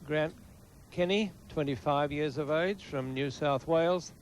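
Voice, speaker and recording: A man's voice: fairly high pitch, unhurried, a little hiss or hum. A man giving live golf commentary in short, clipped phrases.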